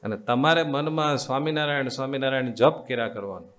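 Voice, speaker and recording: A man's voice: mid-range voice, brisk, a bit bright. A man with a Gujarati accent giving a devotional sermon as a swami, teaching in a coaxing, repetitive way and quizzing his listeners with call-and-response questions. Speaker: swami giving a religious discourse. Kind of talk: devotional sermon to a live assembly.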